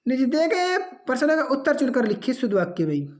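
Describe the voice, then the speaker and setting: A woman's voice: high-pitched, very animated, quick pace. A woman teaching an exam-prep grammar lesson, reading out answer options and then correcting them.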